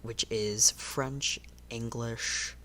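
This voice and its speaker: A game master narrating a tabletop game in an unhurried way, with filler pauses. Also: mid-range voice, fairly even intonation, pushed and bright, a little hiss or hum.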